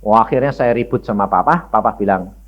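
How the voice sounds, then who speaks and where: A male evangelist preaching a sermon with speech, dramatic, with sudden loud bursts and rhetorical questions to the congregation. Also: fairly low pitch, fairly quick, dull audio.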